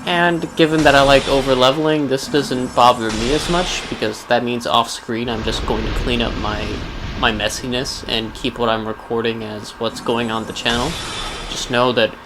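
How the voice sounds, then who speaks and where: A man giving casual, rambling gameplay commentary as host, musing wryly as if to himself. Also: mid-range voice. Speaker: gaming video host. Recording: clearly noisy background under voice.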